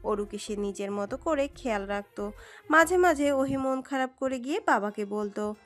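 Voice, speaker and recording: A woman reading a romantic story aloud in an expressive, dramatic narration. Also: on the high side, moderate pace. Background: soft background music.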